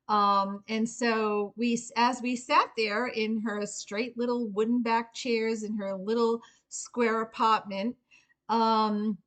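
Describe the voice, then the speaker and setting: Middle-aged woman, mid-pitched and unhurried, earnest informal storyteller pitching to camera with frequent pauses. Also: a bit bright. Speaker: Reiki practitioner and memoir author pitching a book. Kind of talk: informal spoken video pitch, personal storytelling.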